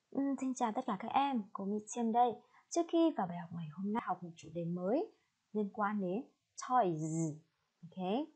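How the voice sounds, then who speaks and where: A woman's voice: medium pitch, a little mellow. A woman from Vietnam teaching an online lesson to children, drilling each word patiently. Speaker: English teacher. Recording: slightly dull lo-fi recording.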